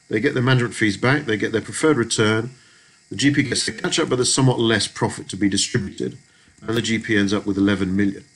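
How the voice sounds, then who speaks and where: A man with a fairly low voice narrates a screen-recorded spreadsheet lesson. He works through each step methodically, pausing and restarting his phrases as he goes. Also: a bit bright, breathy edge, low-quality recording. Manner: methodical, explanatory, frequent restarts. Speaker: lecturer. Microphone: voice-over on screen recording.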